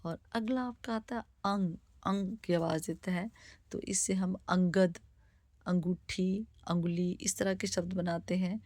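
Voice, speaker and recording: A woman teaching vowels, reading words out slowly one by one as a teacher. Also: fairly low pitch, steady tone, darkish tone, no room sound. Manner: slow, deliberate word-by-word reading. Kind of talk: slow spoken Hindi alphabet lesson.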